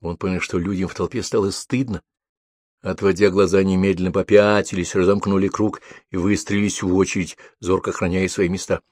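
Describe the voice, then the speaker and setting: A man narrating a novel as an audiobook in a steady storytelling manner. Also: low voice, brisk, no echo, clean studio sound.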